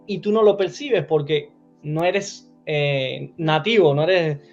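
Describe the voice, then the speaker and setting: A man's voice: on the high side, takes it slowly, muffled recording, soft background music. A man in his forties, a guest in an interview, explaining things earnestly and acting out quotes with animation. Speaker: immigrant guest. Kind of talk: casual interview chat.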